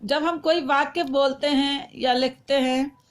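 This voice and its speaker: A woman with a high voice teaches a simple grammar lesson to young pupils. She talks patiently and slows down to read out each example sentence. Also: steady tone.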